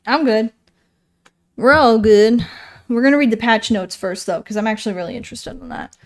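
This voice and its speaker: A woman's voice: fairly high pitch, moderate pace. A woman streamer casually chatting while reading game patch notes, rambling and correcting herself as she goes. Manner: rambling, self-correcting, thinking aloud.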